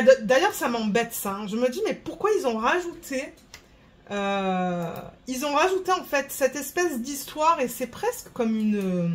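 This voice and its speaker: A woman's voice: high-pitched, a bit bright. A woman vlogger chatting casually, rambling and searching for words while she sorts craft beads. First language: French. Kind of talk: casual chat.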